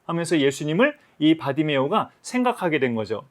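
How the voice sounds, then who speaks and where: A man preaching a Sunday school sermon, gently telling a story to children. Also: fairly high pitch, big pitch swings, brisk. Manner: gentle, addressing children as friends.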